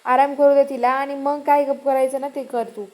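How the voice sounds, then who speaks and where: A woman speaking as a young man, impatient and protective, pleading one moment and firm the next. The voice is high with a soft, mellow tone, more retelling than full acting. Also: level tone, moderate pace, lightly acted. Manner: pleading then firm, talks down to listener. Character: young man defending his ill girlfriend, impatient.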